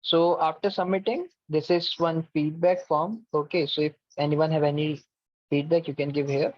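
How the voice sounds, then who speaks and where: A man with a steady tone, on the high side, speaks at normal speed while patiently walking students through an online class platform step by step, often with an "okay." It's a dull, lo-fi, dry video call recording with no room sound.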